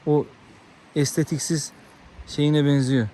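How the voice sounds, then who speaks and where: A man vlogging outdoors on a rural farm, excitable and talking soothingly to dogs. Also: fairly high pitch, takes it slowly, a little hiss or hum. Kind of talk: casual outdoor vlog with dogs.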